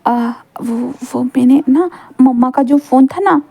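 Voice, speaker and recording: A woman's voice: sits high, unhurried, creaky, dark tone, exaggerated voice. A woman voicing a childish, clingy young man who pleads and rambles with many fillers. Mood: earnest pleading.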